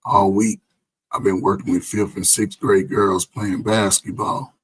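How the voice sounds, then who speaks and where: A man hosting a casual show with a hoarse, strained, nearly gone voice, sounding tired and drained. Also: low-pitched, little pitch movement, unhurried, poor audio. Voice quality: raspy, strained. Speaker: show host and basketball coach. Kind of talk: casual group show talk.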